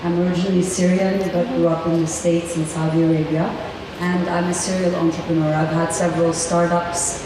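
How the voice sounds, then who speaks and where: A woman's voice: lowish voice, little pitch movement, brisk. A woman in her fifties, an engineer and entrepreneur, speaking steadily and earnestly on a panel. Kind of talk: panel answers. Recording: echoey hall, mic far, noisy.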